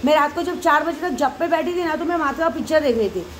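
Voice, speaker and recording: A high-pitched woman carrying talks straight to her followers. She goes round in circles, emotional and repetitive. Faint background noise sits under her voice. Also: fast, rough recording. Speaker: devotee leading night prayers. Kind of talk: casual monologue to followers.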